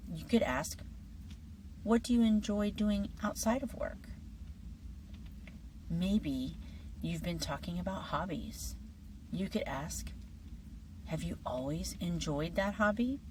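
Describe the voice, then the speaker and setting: A woman with a low, deep voice teaches an English lesson in a friendly, scripted way. Her delivery is lively but slips into soft, breathy whispers at times. She sits a little back from the microphone, with faint background noise. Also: slow pace, long pauses, far from the mic, rough recording.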